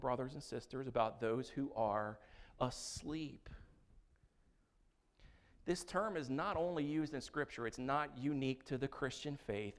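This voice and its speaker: A man preaching a sermon in an earnest, emphatic way, often repeating words as he builds his points. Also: medium pitch. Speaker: pastor.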